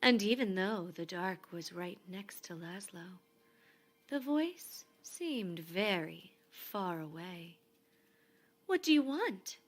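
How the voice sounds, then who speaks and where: A woman reading a children's story aloud expressively, in measured phrases that often fall to a hush. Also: on the low side, expressive. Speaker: storybook reader.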